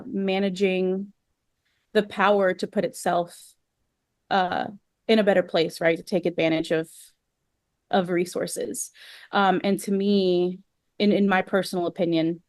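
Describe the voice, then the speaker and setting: A woman's voice: lowish voice, darkish tone, no room sound, studio quality. A young adult woman from Venezuela, a historian talking casually in an interview, with many fillers and restarts. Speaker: guest historian.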